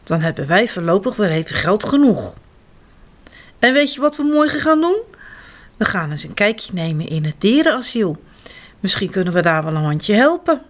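A woman's voice: medium pitch, sing-song, normal speed, natural voice. A woman voicing a cheerful, clever father in a children's story.

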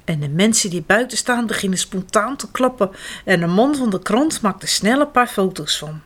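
A woman reading a children's story aloud, expressive and animated. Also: medium pitch, moderate pace, slightly rough. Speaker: narrator.

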